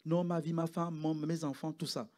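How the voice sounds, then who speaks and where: A man preaching a sermon as pastor in a church, swinging between loud calls and hushed drops. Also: on the high side, little pitch movement, moderate pace. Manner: preaching with rising shouts and sudden hushed drops.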